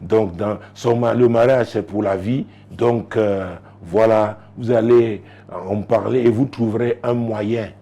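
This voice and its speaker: A male pastor giving marriage advice in a lively talk show, telling stories with frequent laughter and sudden excited rises in his voice. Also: measured pace, gravelly, few pauses. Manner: animated, joking, laughs often, rises sharply in pitch when excited.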